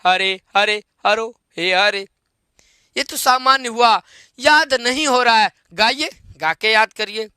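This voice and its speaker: A male Sanskrit teacher leads an online grammar lesson, speaking slowly and unhurriedly. His voice is very high and ringing bright, smooth and clear. He repeats each form, asks quick questions and chants the declensions in a sing-song way, recorded close and dry. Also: no echo. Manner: repeats forms and quizzes students with questions.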